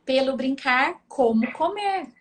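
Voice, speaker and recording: A middle-aged Brazilian woman with a high, bright-pitched voice, hosting a live online conversation as a speech therapist. She talks in a chatty, easygoing way, keeps asking "né?", and now and then acts out examples of intonation. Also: animated, slow. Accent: Brazilian Portuguese. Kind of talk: casual live-stream conversation.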